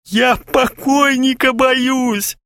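A panicky, stingy young man whines and pleads in a very high, stammering voice, put on by a male audiobook reader. Each line swings up and down in pitch. The recording is dry and close. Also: very animated, normal speed, gravelly, fairly bright tone, no room sound, exaggerated voice. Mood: panicked pleading.

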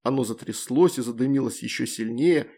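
A man reading fantasy fiction aloud in an even, measured narrating voice. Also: mid-range voice, vocal fry. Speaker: audiobook narrator. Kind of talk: scripted narration.

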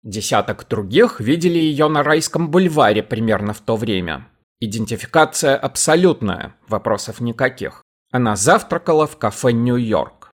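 A man's voice: mid-range voice, normal speed, close to an everyday voice. A man doing a smug, blunt sheriff. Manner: calm, self-satisfied, blunt. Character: smug, calm small-town sheriff, blunt and stern.

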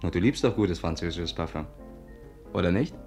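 In a 1950s German radio drama, a low-voiced gentleman amateur sleuth, smooth and persuasive, coaxes his sweetheart at normal speed. The 1950s radio recording has music playing behind him.

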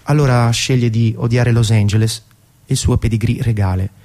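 Over prominent background music, a man with a darkish, medium-pitched voice narrates a script at a moderate pace and with fairly even intonation. He speaks as a radio presenter, telling a story in dramatic, literary style for a guided music programme.

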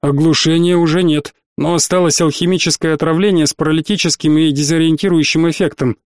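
A man voicing a dazed, paralysed male player who speaks sluggishly and flatly. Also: fairly high pitch, no room sound, clean studio sound, lightly acted. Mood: gloomy. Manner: sluggish, flat and slow.

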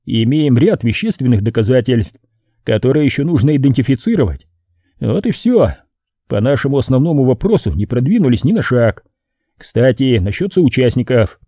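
A male narrator voices a wry middle-aged colonel. He sums things up in a dry, businesslike way. His voice is dark and husky with little room sound. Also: medium pitch, very animated, moderate pace, no room sound.

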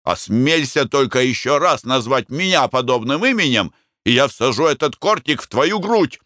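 Male reader as a boastful young hothead, heated declaiming, lively pitch. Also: normal speed, no room sound, clean studio sound. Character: proud, hot-headed young man, boastful.

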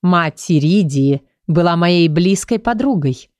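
A stern older lady of rank who snaps out orders and grumbles about disorder, as a woman reader plays her. Her voice sits low and close, with a brisk, clipped manner. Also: very animated, darkish tone, no echo. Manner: curt, commanding, grumbling. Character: stern commanding older noblewoman, brisk and bossy.

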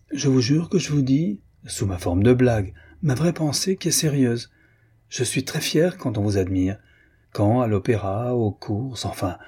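Here the same kind of audiobook character, a teasing, gossiping aristocratic Parisian woman with a mocking manner, is voiced by a man whose mid-range voice is warm and slightly rough.

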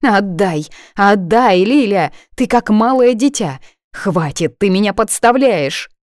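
A woman's voice: mid-range voice, lively intonation, darkish tone, no echo, clean studio sound, pitched above the performer's own voice, natural voice. A woman reading an audiobook voices an anxious young female friend who talks in an agitated, pleading way. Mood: panicked. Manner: agitated, pleading, quick to panic.

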